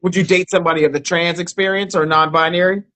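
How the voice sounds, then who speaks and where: A man's voice: high-pitched, fairly even intonation, fast, a bit bright. A man hosting a dating show on a phone livestream, chatting casually, talking straight to viewers and laughing often.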